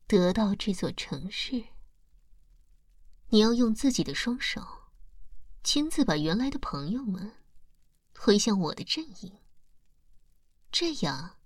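A woman voicing a seductive female demon lord in an ASMR hypnosis roleplay, whispering slowly and softly with a breathy voice. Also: medium pitch, no echo, studio quality. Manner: slow soft whispering.

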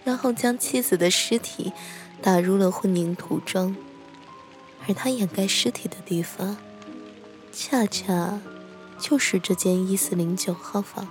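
With soft music underneath, a woman gives a lightly acted, medium-pitched performance as a teasing hotel worker telling a horror writer a ghost story. The role-play audio drama has an eerie mood and soft storytelling, and her gentle delivery slows and drops to a hush whenever the tale gets eerie.

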